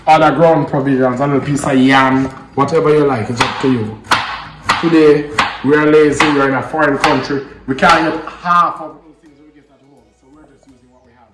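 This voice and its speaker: A man's voice: on the high side, steady tone, fairly quick, music in the background. A man in his thirties from Jamaica with a Jamaican accent, hosting a casual cooking vlog in an easygoing, chatty manner. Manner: easygoing, chatty, patois-flavored banter. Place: home kitchen, indoors. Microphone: camera mic at a distance. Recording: roomy kitchen echo, distant mic, clear background noise.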